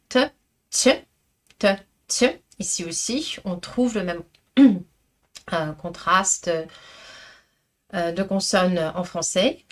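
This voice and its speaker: Slow, careful woman teaching pronunciation. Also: fairly low pitch. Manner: slow, careful, models words repeatedly. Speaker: Russian language teacher. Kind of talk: pronunciation lesson.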